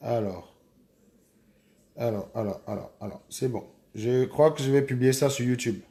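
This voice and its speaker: A man's voice: medium pitch, normal speed, mellow. A man hosting a live stream, chatting casually and repeatedly urging his viewers to hurry. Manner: urgent, repetitive urging of viewers.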